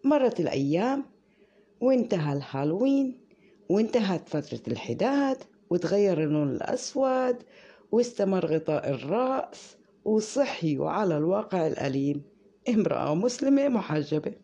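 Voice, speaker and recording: A woman's voice: lowish voice, big pitch swings, normal speed, dark tone, dull audio. A woman with a Levantine Arabic accent telling a personal story in an indignant, sarcastic way.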